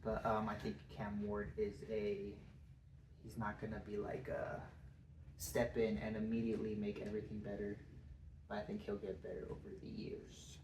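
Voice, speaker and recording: A man co-hosting a podcast chats casually about football, hesitant and full of ums. His congested voice is lowish, monotone, and a little mellow, moving at a moderate pace. The room echoes, with faint noise in the background.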